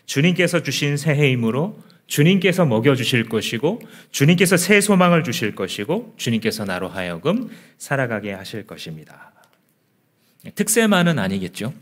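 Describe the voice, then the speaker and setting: Earnest male pastor, lively delivery. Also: on the low side. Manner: earnest, conversational preaching with rhetorical questions. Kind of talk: sermon.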